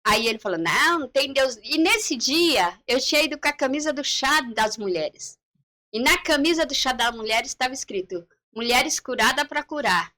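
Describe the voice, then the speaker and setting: A high-pitched woman gives her testimony on a church live stream. Her voice is bright and sharp, and she tells her story with lively drama. She is middle-aged and acts out each remembered exchange. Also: normal speed. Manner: animated storyteller who acts out the dialogue she recalls. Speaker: guest giving a faith testimony.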